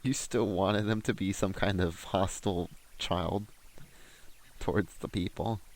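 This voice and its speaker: A man's voice: low-pitched, steady tone, measured pace. A man co-hosting a casual webcast chat over a video call, playful and giggly, fond of puns. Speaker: co-host.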